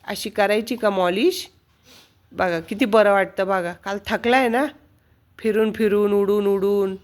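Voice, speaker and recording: A woman's voice: medium pitch, fairly even intonation, a little slow. A woman in a casual home vlog, talking in coaxing baby talk to her pet parrot. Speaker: vlogger.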